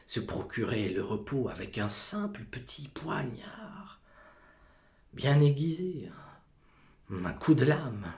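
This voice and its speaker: A male actor plays an anguished tragic man in a theatrical monologue, his low voice heavy with creak. He speaks slowly and brokenly, in halting fragments that sink into whispers or break into outbursts. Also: fairly bright tone, echoey room, exaggerated voice. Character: anguished, brooding tragic man wrestling with death.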